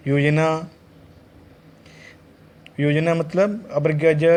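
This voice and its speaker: A man's voice: fairly high pitch, darkish tone. A middle-aged man lecturing teacher trainees, listing examples one word at a time with frequent restarts. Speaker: teacher educator. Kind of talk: classroom lecture.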